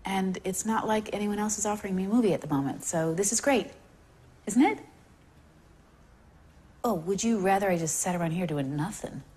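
A woman's voice: mid-range voice, moderate pace, pauses often, darkish tone. A woman who speaks in a defensive, indignant way. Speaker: actress.

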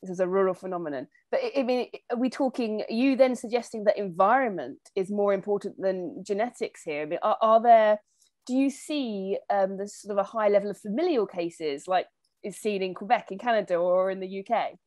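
A woman interviews a guest in a chatty, friendly way, often making fun of herself. Her questions rise at the end, and her voice is mid pitched. The sound is dry and close, with no room echo. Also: a little fast, a little mellow. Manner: chatty, self-deprecating, rising questions. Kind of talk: video call interview.

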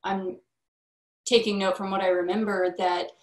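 A woman's voice: medium pitch, flat delivery, moderate pace. A young woman hosting an interview over a video call, her questions loose and conversational. Her voice sits in the middle of the female range, and the webcam audio carries a noticeable room echo. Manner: conversational, building up long questions. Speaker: museum host and interviewer. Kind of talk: livestream interview. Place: indoor room with a plain wall.

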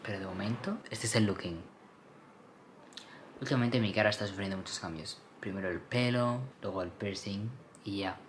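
A man's voice: on the low side, normal speed, a little hiss or hum. A young man, vlogging casually to camera, chatty and self-mocking, dropping in English phrases. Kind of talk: casual vlog chat to camera. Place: at home. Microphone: compact camera mic.

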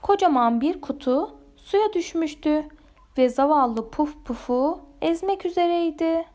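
A woman reads a children's picture book aloud, gentle and expressive. Her voice is high and her pace slow and deliberate, made for young listeners. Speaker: storyteller. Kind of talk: children's storybook read-aloud.

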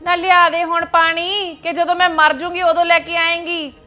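A woman's voice: very high-pitched, little pitch movement, normal speed, sharp tone, faint music behind. A woman playing an ailing, quarrelsome older mother-in-law in a family web drama, scolding and indignant.

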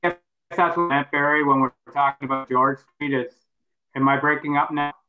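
Mayor on a choppy, breaking-up video call. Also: male voice, a little high, steady tone. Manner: halting, with many pauses and fillers. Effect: choppy, breaking-up stream audio. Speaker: mayor chairing a council meeting. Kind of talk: meeting chat over a video call. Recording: tinny phone-like call audio.

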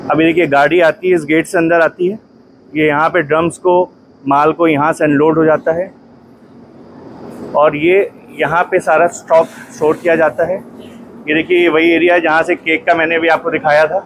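A man in his thirties from India, giving a phone-filmed factory tour and then a sales pitch to viewers from a small office, speaking in a direct, persuasive way. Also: level tone, moderate pace, background noise. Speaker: detergent company owner and trainer. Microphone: phone at arm's length.

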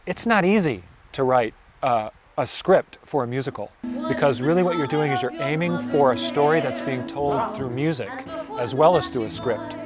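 A man's voice: medium pitch, normal speed. A middle-aged man, a founding member of a theater company, speaking in a matter-of-fact, conversational way outdoors. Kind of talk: documentary interview. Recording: music playing underneath.

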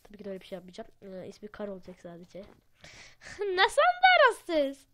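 A woman chatting excitedly at home while playing a game, laughing often, recorded on a headset mic. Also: medium pitch, rapid-fire, very noisy. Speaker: gaming channel host. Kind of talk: casual gameplay commentary.

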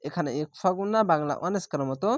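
Slow, spelling Quran teacher, dry close mic. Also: male voice, a little high, dry recording. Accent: Bangladeshi Bengali. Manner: spells each word letter by letter, then drawls it slowly. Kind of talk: spelled-out Quran recitation lesson.

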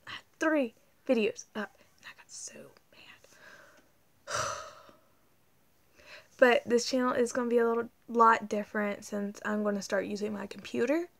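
A young woman, rambling excitedly in a casual vlog to her tablet camera, full of ums and likes. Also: a little high, moderate pace, vocal fry. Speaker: vlogger. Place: indoors at home, dim room. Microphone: tablet camera held close.

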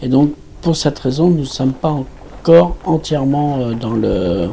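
A man in his sixties from France, a campsite manager giving an interview in a small office, speaking haltingly with many restarts and fillers. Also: mid-range voice, vocal fry, warm tone, a little hiss or hum.

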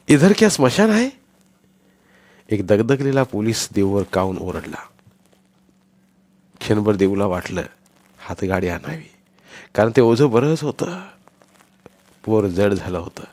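A man reading a short story aloud in a dramatic, measured way. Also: fairly low pitch, dark tone, dry recording. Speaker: audiobook narrator. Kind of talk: scripted story narration.

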